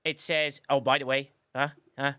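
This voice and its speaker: A man's voice: medium pitch, little pitch movement, moderate pace, bright, forceful tone, clean tone, no echo, clean studio sound. A man hosting a casual live-stream podcast, chatty and effusive, rambling with frequent restarts. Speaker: podcast host.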